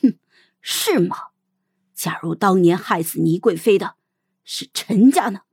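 A woman voicing a proud, bitter young noblewoman who talks in a scornful, sharp way in an audiobook. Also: mid-range voice, expressive, measured pace, slightly rough, no echo, studio quality. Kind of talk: audiobook character voice.

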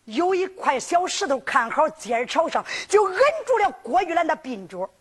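A woman with a Henan accent performing sung folk storytelling in a lively sing-song narration. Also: high voice, normal speed.

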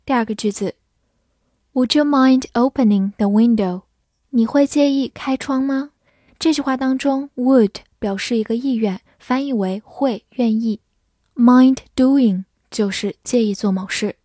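A woman teaching vocabulary, explaining words patiently, spelling them letter by letter and repeating sentences slowly. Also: a little high, warm tone, no echo, studio quality. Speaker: English teacher. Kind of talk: vocabulary lesson, spelling and slow read-alouds.

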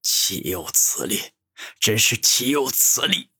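A man voicing a proud, furious male villain cultivator who shouts in defiance, with a husky voice. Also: on the low side, lively intonation, a little slow, no echo, studio quality, heavily acted. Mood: outraged.

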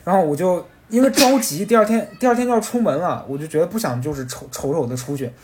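A man telling a rambling, animated story in casual podcast chat. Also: sits high, fast, noisy background.

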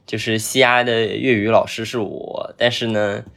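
A man's voice: fairly low pitch, level tone, moderate pace, creaky, fairly bright tone. A man from southern China with a northern-tinged southern Chinese accent, chatting casually and explaining things as a podcast host. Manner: bantering, explanatory.

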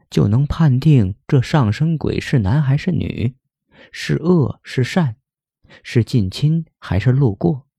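A man's voice: medium pitch, creaky, warm tone, slightly rough, no room sound. A man narrating a folk ghost story in a plain, conversational way.

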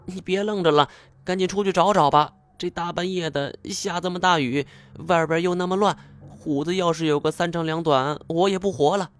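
A man voicing a frantic high-pitched farm wife. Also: steady tone, moderate pace, natural voice. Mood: pleading. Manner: pleading, urgent. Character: frantic rural farm wife, middle-aged.

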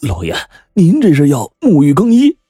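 A man's voice: wildly swooping pitch, quick pace, mellow, slightly rough, dry recording, clean studio sound, faint music behind, heavily acted. Man doing a stammering, frightened clerk. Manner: stammering, high and shaky.

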